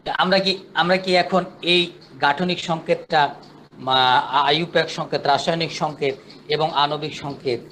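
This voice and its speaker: Man, chemistry teacher, high voice, patient and repetitive, faint background hum. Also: fairly even intonation, unhurried, fairly bright tone. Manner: patient, repetitive, counts steps aloud. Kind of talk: online class lecture.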